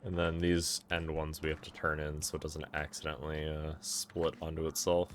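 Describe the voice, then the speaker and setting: A man's voice: a bass voice, monotone, moderate pace, a little hiss or hum. A man giving casual gameplay commentary, thinking aloud and correcting himself as he plans, sounding tired and yawning at times. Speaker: gameplay streamer.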